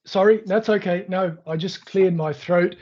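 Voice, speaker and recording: Mellow croaky man on a video call. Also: high voice, fairly even intonation, normal speed. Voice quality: croaky, keeps clearing throat. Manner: conversational, loose, many fillers. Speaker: webinar presenter on online selling. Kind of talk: live webinar question and answer. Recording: dull lo-fi video call audio.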